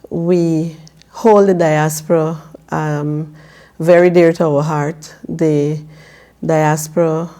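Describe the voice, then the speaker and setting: Woman, 50s, from Guyana; low, mellow voice; slow, measured interview answers. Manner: measured, careful, with frequent filler pauses. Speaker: political candidate guest. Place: TV studio.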